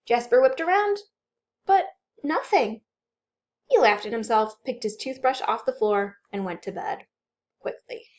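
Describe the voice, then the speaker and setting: A children's librarian with a higher-pitched, animated voice reads a story aloud a little slowly. Her expressive delivery is dramatic and suspenseful, suited to an animated children's read-aloud.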